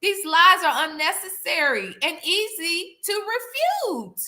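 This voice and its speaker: High-pitched, smug, sarcastic woman calling someone out. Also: big pitch swings, takes it slowly, bright, forceful tone. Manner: smug, sarcastic exposé delivery, mocking and incredulous; emphatic, repeats phrases for effect. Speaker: YouTube content creator, host. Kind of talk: call-out commentary to a live chat.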